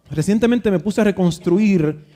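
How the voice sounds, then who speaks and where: A man preaches a sermon in an unhurried storytelling manner, pausing and restarting as he recalls scenes. His voice sits a little high for a man, but its tone is dark and mellow. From Dominican Republic. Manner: reflective, nostalgic storytelling with frequent restarts. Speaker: pastor.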